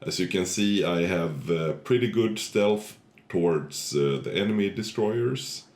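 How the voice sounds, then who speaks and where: A man hosting a gaming channel gives halting tutorial commentary on gameplay, his voice muffled and congested from a cold. He speaks low, with a lively intonation and a darkish tone, and the recording is reverberant.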